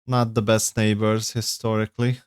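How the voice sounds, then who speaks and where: Male streamer, off-the-cuff reaction chat, rambling and self-correcting, smooth clear voice, dry close mic. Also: lowish voice, level tone, moderate pace, no echo. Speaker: streamer reacting to game lore. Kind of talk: casual livestream reaction chat.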